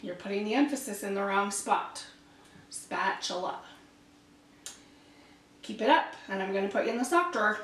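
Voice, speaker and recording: A woman's voice: mid-range voice, fast, hardly any pauses, fairly bright tone. A woman hosting a children's church lesson, cheerful and encouraging as she talks to the kids. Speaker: children's ministry host. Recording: roomy, distant mic, faint noise.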